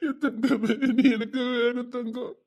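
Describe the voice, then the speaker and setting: In a TV serial, a man plays a grief-stricken father who sobs, pleads with his daughter for forgiveness, and breaks into tearful laughs, crying and anguished throughout. His full character voice is extremely high with little pitch movement, a little slow and a little mellow, and the audio is dull.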